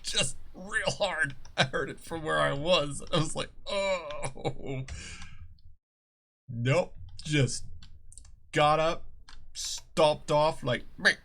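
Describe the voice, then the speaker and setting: A man's voice: on the high side, slow, gravelly, bright, forceful tone. A young man streaming a game, chatting casually and telling anecdotes with laughs and acted-out quotes. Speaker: gaming streamer. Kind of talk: casual storytelling over gameplay.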